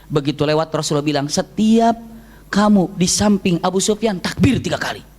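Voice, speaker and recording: A man giving a storytelling religious lecture, acting out shouted characters and laughing often. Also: high-pitched, animated, fairly quick. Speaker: preacher.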